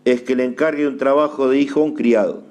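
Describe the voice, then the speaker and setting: A man's voice: mid-range voice, steady tone, fast, darkish tone. An Argentine man preaching a sermon from the pulpit, with an Argentine Spanish accent. He works through questions and answers of his own, repeating phrases again and again to drive the point home. His delivery is dynamic, his voice often rising sharply on emphatic questions. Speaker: apostle preaching.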